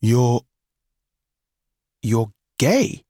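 A man's voice: medium pitch, very animated, extremely slow, dark tone, no room sound, studio quality. A man voicing an angry, confused teenage boy in an audiobook, blunt and confrontational. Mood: confronting.

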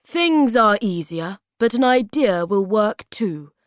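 A woman's voice: mid-range voice, lively intonation, no room sound, studio quality, pitched above the performer's own voice. A woman doing a weary ancient hobgoblin. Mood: sad. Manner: slow, weary and solemn. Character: sad, tired ancient male hobgoblin.

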